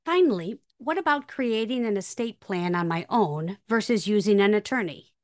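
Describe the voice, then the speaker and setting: A woman's voice: medium pitch, lively intonation, normal speed, dry recording, clean studio sound. A woman hosting and announcing a podcast, reading from a script.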